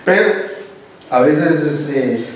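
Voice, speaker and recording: A man leading a church Bible study discussion. He explains things in an animated way, correcting himself as he goes. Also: on the high side, drawn-out words. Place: church meeting room. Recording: echoey room, distant mic.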